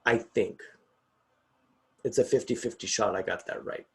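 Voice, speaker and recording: A man's voice: on the low side, moderate pace, breathy edge. A man, a guest executive coach, chatting casually over a video call from his home, rambling and laughing often.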